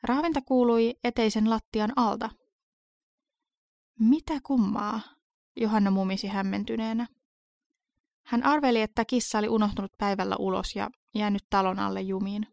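Gravelly woman narrating a horror story. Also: mid-range voice, steady tone, darkish tone, dry recording, clean studio sound.

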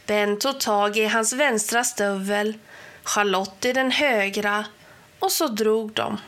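A woman reading a children's story aloud in a clear, expressive storytelling voice. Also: medium pitch. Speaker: reader of children's stories.

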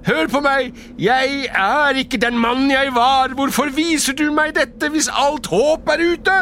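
A man voicing a frantic, excitable old male miser in a storybook reading, crying out in a high, strained voice. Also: a little hiss or hum, exaggerated voice. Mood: desperate pleading. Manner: cries out in shrill exclamations. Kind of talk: storybook character voice.

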